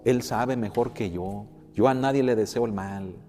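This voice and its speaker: Warm-voiced pastor preaching. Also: male voice, fairly low pitch, moderate pace, big-room sound. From Mexico. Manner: preaching with rhetorical questions, addressing the congregation as brothers. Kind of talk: sermon.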